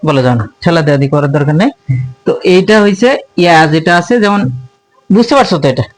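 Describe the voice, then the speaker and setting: A man's voice: on the high side, lively intonation, fast, no room sound, faint music behind. A male teacher giving an informal grammar lesson to students. He asks questions, answers them himself and keeps repeating the key terms. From Bangladesh. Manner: colloquial, informal address to students.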